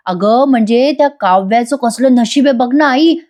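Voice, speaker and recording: A woman's voice: a little high, normal speed, darkish tone, lightly acted. A woman voicing a young scheming daughter who talks urgently. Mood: coaxing.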